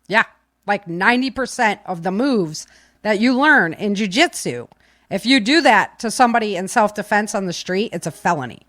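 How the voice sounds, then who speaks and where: Speaking at normal speed in an animated, mid-range voice that is a bit bright, this podcast host has a loose, filler-heavy chat with her live audience. Her webcam stream microphone is set back from the keyboard, yet the recording sounds dry and clean, like a studio.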